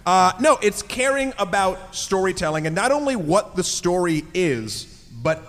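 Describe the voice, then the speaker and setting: In a large convention panel room, a man banters and chats casually as a panelist before a live audience. His voice sits high, sing-song and fairly bright, and he speaks unhurriedly, with the hall's reverb audible.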